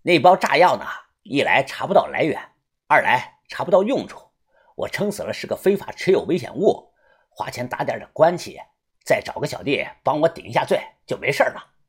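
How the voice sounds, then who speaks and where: Audiobook role: man playing a folksy gang boss, husky, low-key and chummy. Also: very animated. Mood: confiding. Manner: folksy, drawn-out fillers like "ah" and "hey". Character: smooth-talking gang boss, middle-aged man, chummy. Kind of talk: audiobook character voice.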